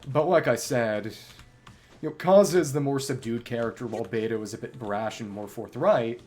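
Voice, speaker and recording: During a gaming livestream, a man with a mid-range, slightly mellow voice chats at a moderate pace. He rambles casually, thoughtful and verbose, often hesitating as he reaches for words, while game music plays.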